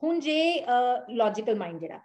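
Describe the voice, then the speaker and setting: Earnest Punjabi-accented woman, slightly high pitch, for a self-help lesson with hesitant pauses. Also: very animated, a little mellow. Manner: earnest, repeats points, many "uh" hesitations. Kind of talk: instructional talk mixing Punjabi and English.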